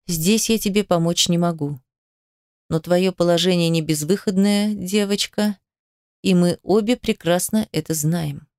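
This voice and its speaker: A woman voicing a middle-aged female ballet company director who speaks in a measured, quietly pressing way. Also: lowish voice, clear, resonant tone, dry recording, clean studio sound, lightly acted. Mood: persuasive.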